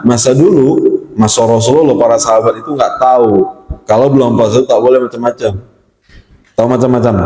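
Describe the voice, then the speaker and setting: A man giving a humorous Ramadan lecture, joking and acting out prayers in a high voice. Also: a little mellow. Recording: echoey hall with long reverb.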